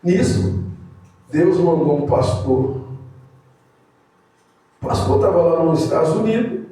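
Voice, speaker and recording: A Brazilian man preaching a theology lesson like a storyteller, his voice mellow and a little high for a man. He stands away from the mic, and the room echoes heavily around him. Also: measured pace, distant mic. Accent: Brazilian Portuguese. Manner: storytelling, animated, with sudden high exclamations. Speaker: evangelist teaching theology. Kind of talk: informal sermon-style lesson.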